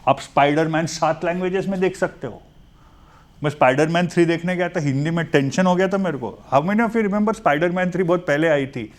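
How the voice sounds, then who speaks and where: A male teacher with an Indian accent gives a chatty, jokey classroom lecture in a classroom, switching between Hindi and English and slowing down to dictate English phrases. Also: a little high.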